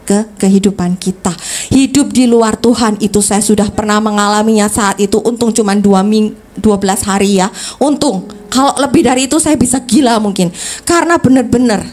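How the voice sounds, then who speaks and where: A woman's voice: mid-range voice, normal speed, a little mellow. A woman giving an earnest personal testimony in church, acting out past conversations as she tells her story.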